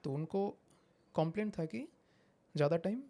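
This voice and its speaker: A man's voice: on the high side, animated, moderate pace, dark tone. A man, a psychiatrist guest explaining patiently with examples and slipping into English phrases. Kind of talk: explanatory interview talk.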